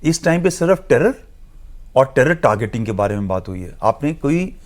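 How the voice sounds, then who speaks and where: A man's voice: medium pitch, big pitch swings, normal speed. A man speaking as a studio guest analyst in a discussion, explaining earnestly and emphatically, mixing English phrases into his talk.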